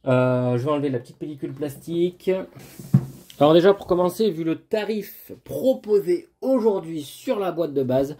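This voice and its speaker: A man's voice: a little high, expressive, normal speed, mellow. A man hosting a board game channel, chatting casually through an unboxing with frequent fillers and restarts. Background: lawn mower and brush cutter nearby.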